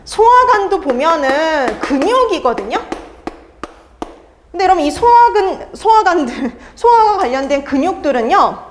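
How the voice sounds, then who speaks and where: Woman lecturer, high lively voice, exam-prep lesson, asks and answers her own questions. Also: normal speed, a little hiss or hum. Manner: asks students questions and answers them herself; repeats key terms for emphasis.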